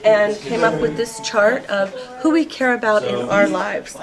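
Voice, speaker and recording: A female teacher describing her summer class curriculum in a steady, measured way. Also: mid-range voice, over loud music. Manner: steady, measured, a few fillers. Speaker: teacher of deaf students. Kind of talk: explaining a program to camera. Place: busy school classroom. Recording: loud classroom chatter behind. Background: loud chatter of students.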